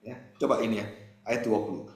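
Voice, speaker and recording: A man preaching a sermon, swinging between loud exclamations and hushed asides. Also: lowish voice, steady tone, fast talker, echoey room. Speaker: pastor.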